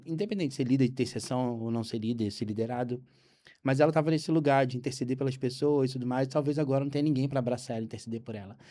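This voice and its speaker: A Brazilian man, a podcast guest, telling a faith story with lively acted-out dialogue. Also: mid-range voice, rapid-fire. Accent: Brazilian Portuguese. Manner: animated storyteller acting out dialogue. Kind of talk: storytelling testimony.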